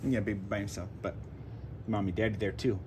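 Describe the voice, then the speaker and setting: A father sits in a carpeted room at home, reading aloud and chatting casually with his toddler daughter and teasing out answers with simple, playful questions. His voice runs on the low side, steady and warm, a little fast, with a little hiss or hum in the background.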